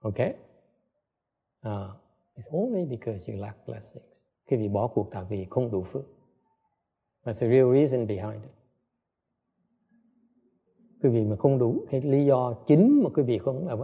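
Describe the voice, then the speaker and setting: A man's voice: medium pitch, lively intonation, moderate pace, slightly rough, phone-quality sound. A man giving a dharma talk as a meditation teacher. He speaks bluntly, scolds his listeners and keeps checking in with them, translating himself as he goes. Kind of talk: dharma talk, self-interpreted.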